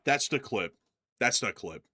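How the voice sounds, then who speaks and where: A man hosts a casual livestream in a bright, forceful voice. His pitch swings widely as he jokes and chats with lively, animated delivery. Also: unhurried, slight background noise. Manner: animated, jokey. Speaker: live stream host.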